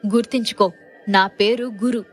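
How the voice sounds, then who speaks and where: Woman doing a ruthless gangster boss man for an audio story, barking threats in a raised, pushed-up voice that sits higher than her narration, with faint music under it. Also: fairly even intonation, moderate pace, lightly acted. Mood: menacing. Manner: menacing, shouting and mocking.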